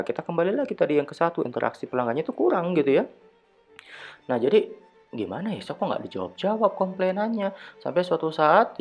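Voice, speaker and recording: A man in his thirties lecturing online to his students, chatty and full of hesitations, asking them rhetorical questions as he goes. His voice sits at an ordinary middle pitch. The recording is a bit muffled, with soft music faintly underneath. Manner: conversational, many fillers and rhetorical questions. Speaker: university lecturer.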